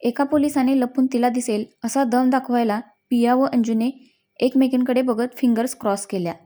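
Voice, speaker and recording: A woman's voice: fairly high pitch, steady tone, normal speed, dark tone. A woman reading a story aloud as scripted narration, voicing the characters' lines in her own voice.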